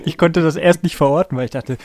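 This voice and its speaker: Laid-back joking man, fairly high voice. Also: fast. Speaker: podcast co-host. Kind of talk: casual chat.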